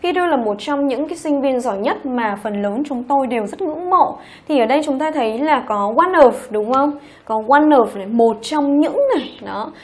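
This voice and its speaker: Woman teaching, higher pitch. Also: expressive, moderate pace, a little mellow. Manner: explains step by step, often checks with "ok?" and "đúng không?". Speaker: English teacher. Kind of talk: online exam-review lesson.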